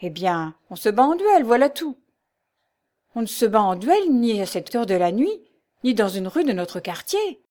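A woman's voice: on the high side, very animated, normal speed, warm tone. A woman reader voicing a scornful old mother who scolds and grumbles. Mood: scoffing.

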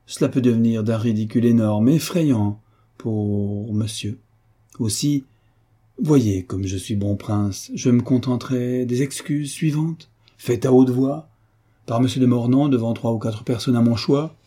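A sly hunchbacked nobleman, as a man reads him needles his rival with ironic courtesy. The voice is very dark and husky, in a storybook reading. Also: mid-range voice, unhurried. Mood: mocking. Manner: ironic, teasing, falsely courteous. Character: mocking, jovial hunchbacked nobleman, older man.

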